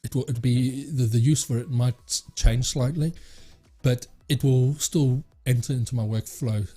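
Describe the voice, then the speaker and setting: A tech channel host chats casually to camera in a warm, slightly raspy voice of medium pitch and steady tone. He rambles, stumbles and restarts, filling pauses with "uh," while soft music plays faintly underneath.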